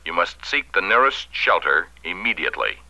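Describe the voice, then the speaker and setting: An actor playing a civil defense announcer giving a grave, urgent, formal emergency broadcast over the radio. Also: male voice, sits low, sing-song, moderate pace, vocal fry, bright, forceful tone, full character voice. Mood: grave urgency. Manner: urgent, formal, authoritative delivery. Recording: dull vintage radio broadcast sound.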